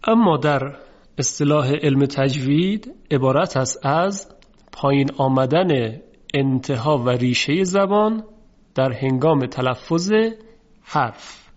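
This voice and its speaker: A man giving a tajweed lesson, explaining letter sounds and demonstrating them with slow, drawn-out pronunciations. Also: mid-range voice, lively intonation. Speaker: Quran recitation teacher. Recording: dull lo-fi recording.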